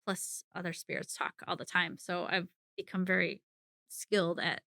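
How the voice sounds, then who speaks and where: A middle-aged woman talks as a podcast guest in a casual, chatty way, often laughing mid-sentence. Her voice is bright and forceful, recorded dry and close with little room sound. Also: on the low side, little pitch movement, moderate pace, gravelly, no echo. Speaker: psychic medium guest. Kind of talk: casual interview conversation.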